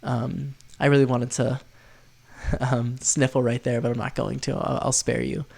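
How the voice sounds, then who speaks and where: A man with a nasal, stuffed-up voice from being sick, chatting casually through a tier list in a rambling, excitable way. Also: medium pitch, unhurried, vocal fry. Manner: rambling, filler-heavy, easily excited. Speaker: video host.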